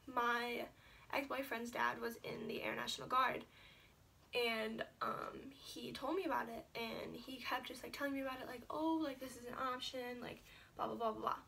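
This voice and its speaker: A young woman talks to the camera in a bright, gravelly voice, chatty and loose, packed with "like" and "um". Her pitch sits a little high and barely moves, staying flat through the whole telling. The camera is set a bit back in a room at home, with faint hum underneath. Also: normal speed. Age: young adult. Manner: chatty, lots of "like" and filler. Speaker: vlogger. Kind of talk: casual sit-down story to camera. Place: indoors at home, seated. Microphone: camera set a little far away.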